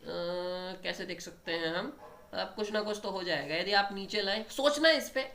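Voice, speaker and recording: Bright-voiced man teaching maths. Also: high voice, normal speed, vocal fry, a little hiss or hum. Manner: explains step by step, often checks in with the students. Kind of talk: online exam-prep lecture at a board.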